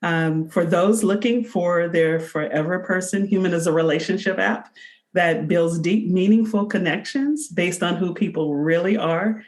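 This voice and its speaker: A woman in her forties, a company founder appearing as a podcast guest, answers interview questions with earnest, conversational explanations. Her voice sits fairly low, has a darkish tone, and moves at a normal speed.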